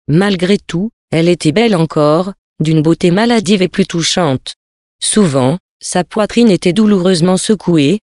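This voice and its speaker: A reader narrating a literary tale with measured, expressive phrasing. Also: mid-range voice, no room sound, clean studio sound.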